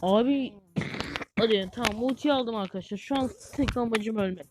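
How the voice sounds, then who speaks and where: A woman giving live gameplay commentary as a gaming YouTuber, excitable and easily frustrated, chatting to viewers like friends. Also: fairly high pitch, normal speed, music in the background.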